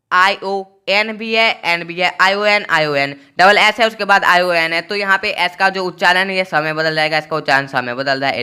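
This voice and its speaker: A man teaching a pronunciation lesson, spelling out letters slowly and repeating each point. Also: high voice, pushed and bright, smooth.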